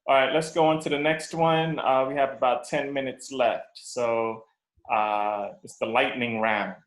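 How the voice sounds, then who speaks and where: A man with a mid-range voice moderates a webinar, keeping things moving in a relaxed, informal way. He scatters fillers as he calls on people. The sound is roomy, as if from an echoey space. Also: medium pitch. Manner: informal, brisk directions with fillers. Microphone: video call.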